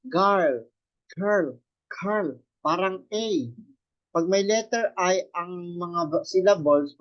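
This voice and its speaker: A man's voice: high-pitched, dull audio. A man teaching a Japanese lesson, explaining step by step and often checking with his students. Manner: explains step by step, quizzing students with rhetorical questions. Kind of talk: classroom lesson explaining katakana.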